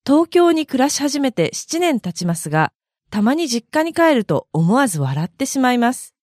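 A woman from Kansai hosts her own audio blog, reading a prepared script at a measured, explanatory pace. Her voice sits fairly high and swoops lively up and down. The sound is close and dry. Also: no room sound. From Kansai, Japan. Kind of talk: scripted narration.

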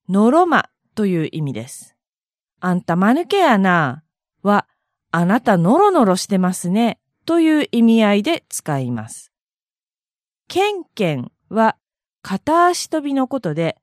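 A woman from the Kansai region hosting an audio blog, reading a prepared explanatory script in a measured way. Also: on the high side, darkish tone, dry recording, clean studio sound. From Kansai, Japan.

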